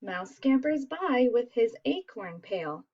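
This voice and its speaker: This storyteller is female and high-voiced, reading a picture book to children with animation and expression, taking her time. She poses questions to the audience, and the audio sounds a bit lo-fi.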